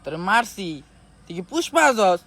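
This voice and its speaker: An actor playing a harsh, bossy English tutor in a comedy skit, scolding and bursting into shouted words. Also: male voice, high-pitched, big pitch swings, moderate pace, full character voice. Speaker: teacher.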